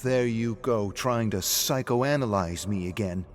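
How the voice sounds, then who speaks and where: A man voicing a hot-headed, defensive man who brags while drinking in a pub, gruff and snapping. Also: medium pitch, animated, moderate pace, fairly bright tone, soft background music, lightly acted.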